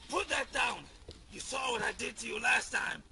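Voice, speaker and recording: A man playing a menacing, bombastic wrestler, delivering theatrical wrestling-promo taunts and threats that swing between low menace and shouting. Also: sing-song, slow, gravelly, full character voice. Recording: very noisy amateur recording with clicks.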